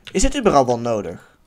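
A man giving casual let's-play commentary in a lively way, swearing now and then and yelling at near misses. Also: mid-range voice. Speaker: gaming YouTuber.

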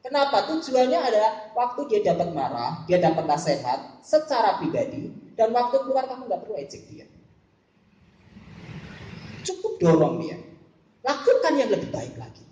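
A woman's voice: fairly high pitch, big pitch swings, normal speed, warm tone. A woman preaching at a school worship service, often asking her listeners questions. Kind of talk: sermon to students. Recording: echoey room.

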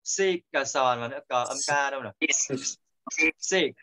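The speaker is an English pronunciation teacher running an online class, patient and corrective, repeating what matters. His mid-range voice is sharp, clear and resonant at a normal pace, carried over dull lo-fi video call audio.

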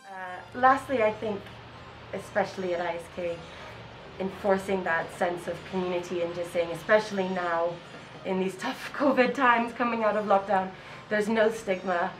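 A Kenyan woman in her twenties, interning as a school counselor, gives earnest interview answers full of fillers and restarts while sitting outdoors on a school campus. Her mid-range voice is steady and moves at a normal speed. The audio is poor, with her voice set back from a distant mic and music playing underneath.

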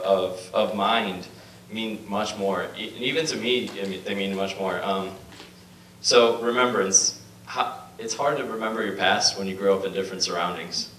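Young man from Bosnia, earnest speech, lowish voice, distant echoey hall recording with faint hum. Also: fairly bright tone. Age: young adult. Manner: earnest, with hesitant restarts and fillers. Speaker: student speaker. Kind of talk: prepared speech read at a podium. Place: lecture hall. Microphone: handheld mic, filmed from far.

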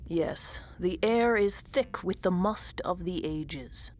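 A woman's voice: lowish voice, takes it slowly. An actress playing a mysterious old female troll mentor in a cartoon, solemn and commanding, speaking grandly like a drama teacher. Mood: ominous, solemn. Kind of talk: animated cartoon dialogue.

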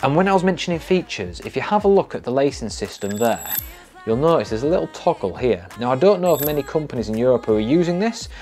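A young British man chats casually to camera like a vlogger going through new gear. His pitch is average for a man. He is indoors in a small home office, with soft music underneath. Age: young adult. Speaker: trail running vlogger.

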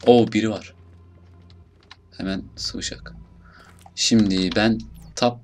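A young man with a Turkish accent casually commentating his gameplay, muttering, swearing at enemies and bursting out loudly now and then. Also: on the low side, fairly even intonation, slow. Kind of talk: casual let's play commentary.

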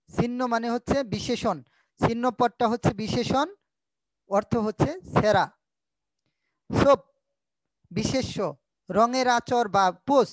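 A woman teacher with a Bangladeshi Bengali accent giving a recorded school lesson, patiently repeating each point and sounding out words slowly. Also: on the high side, no room sound, poor audio.

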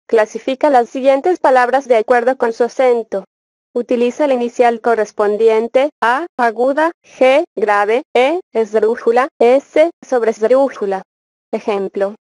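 A woman reading a spelling lesson as scripted instruction, dictating words slowly and carefully. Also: a little high, a little mellow, no room sound, studio quality. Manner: slow, careful word-by-word dictation. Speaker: narrator of a spelling course.

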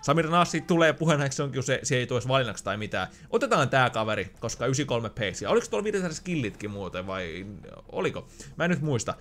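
A man's voice: mid-range voice, very animated, a bit bright, a little hiss or hum. A man giving casual gameplay commentary, thinking aloud with chatty, joking asides. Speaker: gaming YouTuber.

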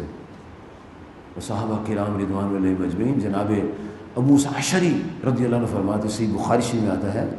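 A Pakistani man delivers a fiery sermon, rising to loud declamations and dropping to low, pressing asides. His voice rings through a large, very echoey mosque hall with a long reverb tail. A faint hiss sits under the recording. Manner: impassioned, swings between loud declaiming and low intense asides. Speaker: preacher.

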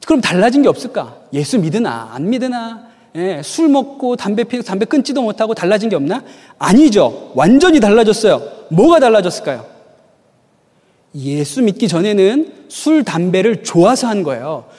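A man preaching in a high, animated voice that rises and falls freely. He tells stories and keeps asking his listeners questions. A long reverb trails his words. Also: moderate pace. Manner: storytelling, asks the audience rhetorical questions. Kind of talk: sermon.

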